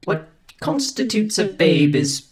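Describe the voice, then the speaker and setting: A man voicing a prim, dutiful male android butler with a too smooth, polished, formal and precise manner. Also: sits high, sing-song, slow pace, exaggerated voice. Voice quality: formal, precise, unflappable delivery. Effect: none; too smooth, polished android manner. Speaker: robot valet. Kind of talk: comedic audio drama. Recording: roomy echo, loud crowd noise behind.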